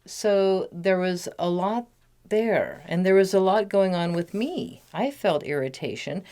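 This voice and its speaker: A woman, a meditation teacher, leading a guided mindfulness meditation over a phone call. She speaks gently and keeps talking steadily. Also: medium pitch, expressive, measured pace. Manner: gentle, talks a lot to cover background noise.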